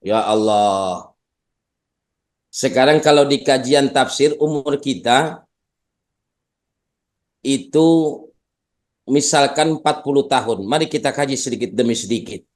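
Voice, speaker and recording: A man preaching a sermon with an Indonesian accent, lively and humorous, weaving in Arabic phrases. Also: mid-range voice, unhurried, long pauses.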